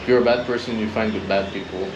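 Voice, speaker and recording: A man's voice: lowish voice, fairly even intonation, quick pace, roomy sound, muffled recording, noisy background. A young man from Turkey who makes vlogs, chatting casually and filling his talk with "like" and "you know.". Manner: easygoing, fills with "like" and "you know". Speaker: vlogger. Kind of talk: casual chat.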